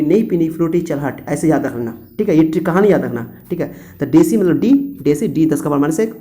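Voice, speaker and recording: Chatty young male teacher, slightly high and mellow, explains a memory trick. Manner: chatty, acts out voices in the story.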